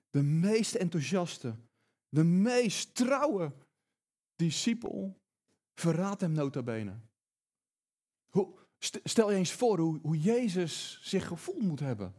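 A man's voice: fairly high pitch, warm tone, slightly rough. A man preaching a sermon, emphatic and often repeating words as he builds his points.

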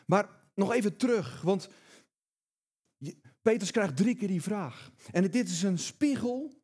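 A man's voice: high-pitched, animated, unhurried, darkish tone, husky. A man preaching a sermon, emphatic and often repeating words as he builds his points.

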